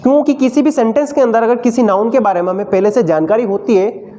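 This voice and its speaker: Guy teacher doing a grammar lesson for exam prep, asks questions then answers them himself, soft warm tone. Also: very high voice, quick pace. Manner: calls the students "son" fondly.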